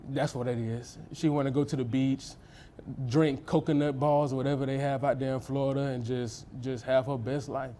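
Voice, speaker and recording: A man's voice: mid-range voice, little pitch movement, moderate pace, warm tone, a little hiss or hum. A man in his thirties giving testimony in a courtroom, hesitant, repeating words and filling gaps with "um". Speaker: litigant in a TV court case.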